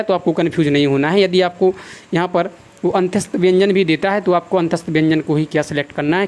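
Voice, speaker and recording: A man teaching a class, who keeps asking questions and answering them himself, repeats key terms and dictates notes slowly. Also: sits high, a little mellow. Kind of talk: classroom lecture.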